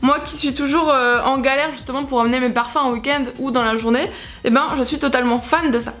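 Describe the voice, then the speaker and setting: A woman's voice: sits high, fairly even intonation, fast talker, a bit bright, faint music behind. A young woman vlogger chatting casually through a product demo, full of fillers and little spray and click sounds she makes herself. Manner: chatty, many fillers, sound effects like pchit and tac. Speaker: beauty vlogger.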